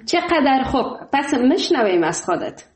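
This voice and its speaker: A woman hosting a call-in show, polite, thanking often and pausing with fillers. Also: high-pitched, very animated, roomy sound. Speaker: radio show host.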